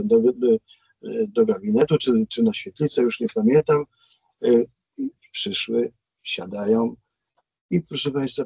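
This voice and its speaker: A man's voice: mid-range voice, gravelly, darkish tone, husky, no echo. A man who is a school principal, telling a long story to teachers in a webinar, hesitant, with many fillers and restarts. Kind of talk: anecdotal webinar talk.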